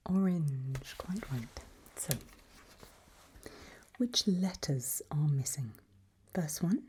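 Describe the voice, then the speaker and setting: A woman whispers breathily and speaks very softly and low as an ASMR performer portraying a calm doctor giving a creepy memory test. She is patient, encouraging, gentle and unhurried in her reassurance. A little hiss or hum is audible.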